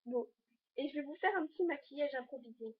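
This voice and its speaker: A woman's voice: high voice, fairly quick. A teenage girl chatting in a casual fashion vlog, rambling and hesitant as she shows items to her viewers. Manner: talks to the viewers while showing items. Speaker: vlogger. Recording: dull lo-fi home video recording.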